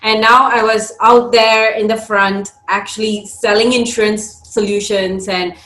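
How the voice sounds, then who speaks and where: A woman's voice: medium pitch, steady tone, measured pace, fairly bright tone. Woman, from Singapore, young adult, podcast guest, thoughtful, filler-heavy, echoey room. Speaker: podcast guest, career coach. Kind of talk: conversational interview.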